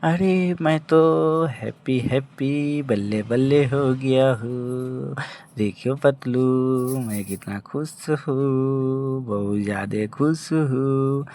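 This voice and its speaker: A man voicing a chubby, excitable adult cartoon buddy in an amateur cartoon dub, exclaiming and repeating his lines. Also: mid-range voice, takes it slowly, slight background noise. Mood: excited.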